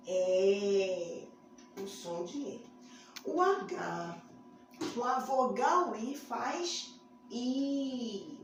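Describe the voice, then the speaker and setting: Slow sing-song Brazilian teacher, echoey room. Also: female voice, a little high. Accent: Brazilian Portuguese. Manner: slow, sing-song, stretches vowels while pointing to letters. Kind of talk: storytelling phonics lesson for young children. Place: classroom with a board. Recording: very echoey classroom, faint room noise.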